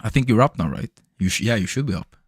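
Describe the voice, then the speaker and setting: Speaking fast in a fairly low, slightly rough voice, this young trader gives loose live-stream commentary on his futures trades, cursing, laughing and addressing chat as bro. He's of Serbian parentage but was raised elsewhere in Europe. The audio is studio quality with no room sound.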